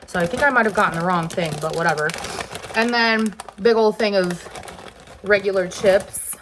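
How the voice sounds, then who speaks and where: A woman with a mid-range voice and a Southern US accent chats casually at a moderate pace, sniffly from allergies and hot and sweaty. She's a vlogger showing off her grocery haul, rambling with loose fillers and asides. Background noise can be heard.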